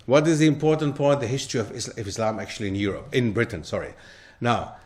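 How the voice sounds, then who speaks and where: A man of medium pitch delivers a quick-paced interactive lecture to a live audience in a lecture hall, often halting to ask the listeners questions and test them.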